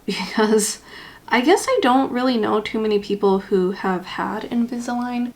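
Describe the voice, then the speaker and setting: A woman with a slight lisp from wearing a retainer, rambling casually and a little self-consciously as she talks through ink swatches for a vlog. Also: medium pitch. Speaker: YouTube vlogger.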